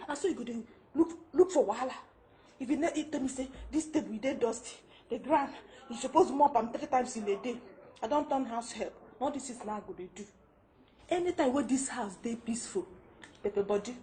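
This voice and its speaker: A woman with a Nigerian accent playing a fed-up young wife in a film drama. She is loud, animated and laughs often. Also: on the high side, a little fast, a little hiss or hum, natural voice. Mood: mocking. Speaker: film actor.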